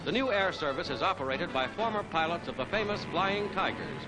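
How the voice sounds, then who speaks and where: Casting note: male announcer for an old 1940s newsreel, brisk and animated delivery. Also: high-pitched, low-quality recording. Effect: old newsreel narration. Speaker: newsreel narrator. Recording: old newsreel soundtrack with loud music. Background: loud music.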